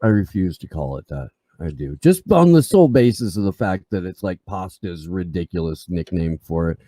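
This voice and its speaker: A man with a gruff, scruffy voice co-hosting a casual live stream, rambling and swearing, full of fillers and restarts. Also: low-pitched, animated, moderate pace, mellow, no room sound. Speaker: podcast co-host.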